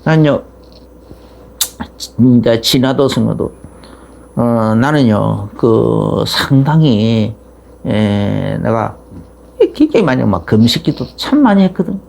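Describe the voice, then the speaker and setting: A man's voice: medium pitch, lively intonation, takes it slowly, creaky, long pauses, a little mellow. A middle-aged man, a pastor, giving a sermon in a conversational, rambling storytelling way with frequent restarts.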